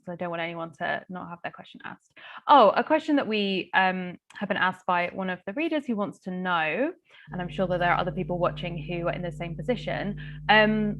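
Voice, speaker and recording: A woman's voice: on the low side, highs cut off. A young woman hosting a live book chat and reading viewer comments in a bubbly, rambling way. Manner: bubbly, rambling, filler-heavy. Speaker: host.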